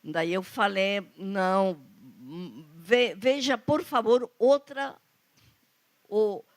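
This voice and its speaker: Speaking Portuguese with a strong foreign accent, a woman tells anecdotes on a festival stage before an audience at a literary panel, animatedly acting out the dialogue she quotes. Her voice is medium in pitch and extremely slow.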